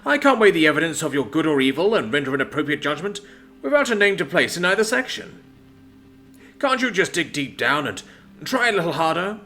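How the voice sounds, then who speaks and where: A man voicing a foul-mouthed, violent old Santa Claus in a spoken story, mocking and shouting threats. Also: fairly high pitch, big pitch swings, a little fast, faint music behind, full character voice. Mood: wheedling.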